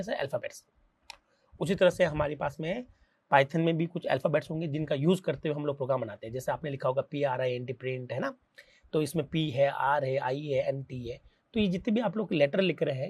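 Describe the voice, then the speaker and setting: A man's voice: on the high side, no room sound. A man with an Indian accent teaching programming in a conversational tutorial style, asking questions and answering them the way his students would. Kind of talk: classroom-style tutorial explanation.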